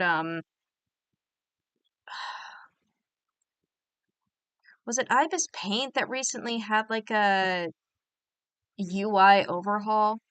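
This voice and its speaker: Brief: young woman livestream host, bright tone, rambling casual chat. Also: medium pitch, smooth, dry recording. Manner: chatty, rambling, many fillers. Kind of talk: casual chat while drawing.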